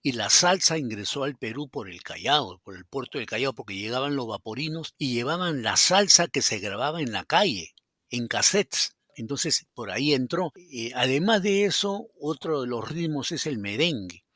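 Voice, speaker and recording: A man with a Peruvian accent tells stories from his working life in a relaxed, meandering way. He fills his speech with small hesitations and plays out the dialogue he quotes. His voice sits at a middle pitch and is recorded dry, with no room sound. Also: moderate pace, no room sound. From Peru. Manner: rambling with many fillers, acts out quoted dialogue. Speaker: podcast guest, psychologist. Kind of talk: casual anecdotal storytelling.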